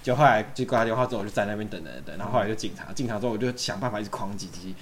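A man telling stories in a casual podcast chat. He talks in an animated way and acts out the voices of the people in his stories. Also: rapid-fire, slight background noise. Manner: animated, acts out quoted voices with jumps in pitch. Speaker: podcast guest.

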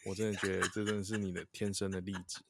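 A man's voice: sits low, flat delivery, rapid-fire, vocal fry, fairly bright tone, no echo. A man with a Taiwanese Mandarin accent, co-hosting a casual podcast with friendly group banter. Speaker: podcast co-host.

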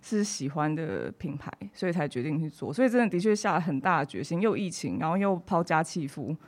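Her voice sits on the low side for a woman and carries a clear Taiwanese Mandarin accent. She talks in a casual, conversational way, like a podcast guest recounting her own experiences. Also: lively intonation, brisk.

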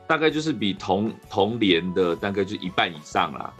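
A man with a Taiwanese Mandarin accent hosting a podcast, telling a rambling, animated story in casual chat. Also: lowish voice, normal speed, soft background music. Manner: rambling, animated anecdote with restarts. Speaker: podcast host.

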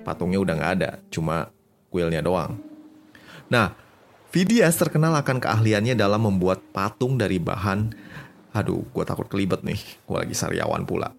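A man tells old history like a chat with friends, slangy and loose, slipping in English phrases. His voice sits a little low. Soft music plays faintly behind him. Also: expressive, normal speed, vocal fry. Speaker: history channel narrator. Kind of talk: casual storytelling narration.

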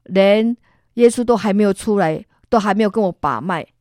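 A woman from Singapore tells her personal story as an interview guest, voicing the people in it as she goes. Her delivery is lively and full of feeling, with frequent laughter. The recording is close and dry, with no room sound. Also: medium pitch, normal speed, no echo. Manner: animated storyteller who acts out other people's lines; expressive, laughs while telling. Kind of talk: telling a personal faith testimony.

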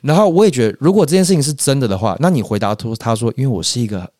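A man's voice: mid-range voice, dry recording. A man from Taiwan with a Taiwanese Mandarin accent, a podcast guest chatting casually and telling stories with animation, close to the microphone. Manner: animated storyteller, quick to laugh. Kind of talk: casual chat.

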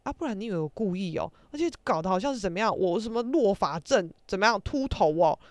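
A woman's voice: mid-range voice, expressive, quick pace, dry recording. A young woman with a Taiwanese Mandarin accent, hosting a podcast and ranting animatedly in casual storytelling, with some casual swearing. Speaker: podcast host.

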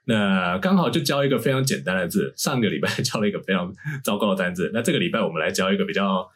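A man's voice: deep voice, animated, fast, breathy edge. A man hosting a casual podcast as an English teacher, laughing often and slipping English words into his talk.

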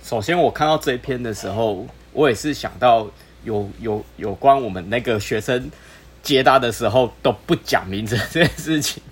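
A man's voice: mid-range voice, moderate pace, breathy edge. A man co-hosting a podcast in casual chat, playful and jokey. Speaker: podcast co-host.

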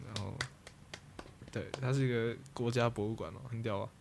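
A man's voice: medium pitch, steady tone, normal speed, creaky, noisy background. A young man telling a rambling story as a podcast co-host, trailing off and restarting. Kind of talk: casual chat.

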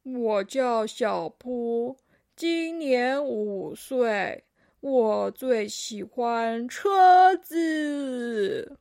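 A woman's voice: fairly high pitch, very slow, creaky, a little mellow, dry recording, clean studio sound, heavily acted. A woman voicing a shy five-year-old alpaca boy who stammers, in a children's story. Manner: hesitant, stammering.

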